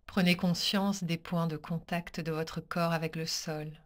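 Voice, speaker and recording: This is a yoga teacher leading guided meditation: a woman whose low voice stays very slow and calm. Her soothing instructions come short and measured, separated by pauses, as she guides a yoga nidra practice.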